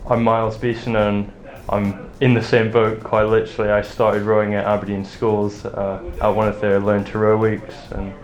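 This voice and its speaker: A late-teen man answers interview questions in a relaxed, lightly joking way. His voice is low-set and even, and the audio is a little dull. Faint music plays behind him. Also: moderate pace. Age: late teens. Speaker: junior rowing crew member.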